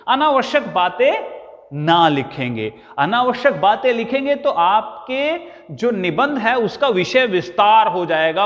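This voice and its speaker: Male teacher, high lively voice, slow dictation, echoey classroom. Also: muffled recording. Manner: slow, dictates points word by word. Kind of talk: classroom grammar lesson.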